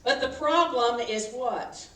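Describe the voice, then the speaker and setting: Woman minister in her fifties, lively sermon, call-and-response, fairly high voice, echoey hall, heard from a distance. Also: slow. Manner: animated, leads call-and-response with the congregation. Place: church sanctuary. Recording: echoey hall, mic from far off, faint noise.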